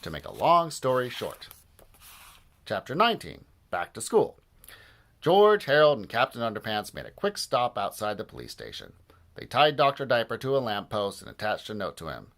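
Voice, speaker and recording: Guy reading a kids book out loud, bouncy animated pitch, really expressive. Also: normal speed. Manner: lively, expressive storytelling. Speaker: audiobook narrator. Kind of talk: reading a children's book aloud.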